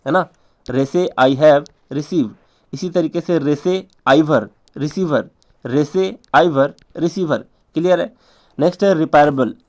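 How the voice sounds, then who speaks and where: A man teaching an English spelling lesson in Hindi, drilling each word over and over in a sing-song way with quick asides. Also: a little high. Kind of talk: spelling lesson for exam prep.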